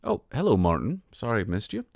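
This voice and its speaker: A man's voice: fairly low pitch, sing-song, fairly quick, a little mellow, no echo, clean studio sound. A tired man hosting a casual livestream, reading lore aloud and chatting, often laughing and getting sidetracked. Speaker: streamer host.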